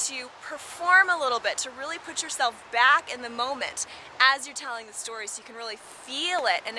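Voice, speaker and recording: Woman vlogger, upbeat and emphatic, high bright voice, outdoors. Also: a little hiss or hum. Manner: upbeat, emphatic, repeats key words. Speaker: vlogger giving storytelling tips. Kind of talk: casual instructional vlog.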